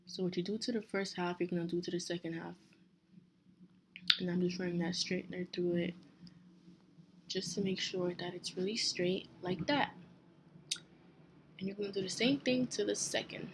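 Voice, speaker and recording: In a noisy setting, a young woman from Nigeria chats her way through a hair tutorial step by step in a Nigerian accent. She is relaxed, fixes small slips as she goes, and pauses often. Her voice is lowish and her pace moderate.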